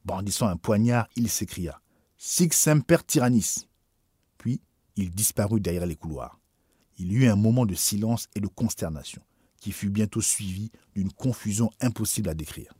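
A man reading a historical memoir aloud in a solemn, measured, mournful narration. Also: lowish voice, dark tone, husky, no echo, clean studio sound. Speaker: audiobook reader.

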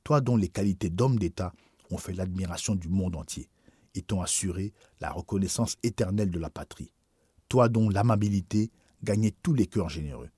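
Low husky guy reading an old memoir, mellow and dry, slow and grave. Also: dry recording. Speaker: audiobook reader. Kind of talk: solemn scripted narration.

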